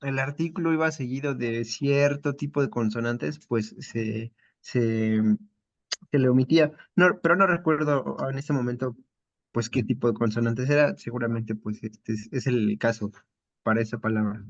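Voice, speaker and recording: A man in a seminar speaks up with a thoughtful, hesitant remark, pausing to find his words. His voice comes through muffled, lo-fi and completely dry, as over a video call. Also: medium pitch, dry recording. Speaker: seminar participant. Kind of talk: thoughtful question in class.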